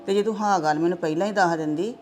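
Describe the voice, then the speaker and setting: A woman's voice: lowish voice, very fast, darkish tone, faint music behind, natural voice. A woman playing a stern, reproachful middle-aged mother. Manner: lecturing, reproachful. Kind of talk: family drama acting.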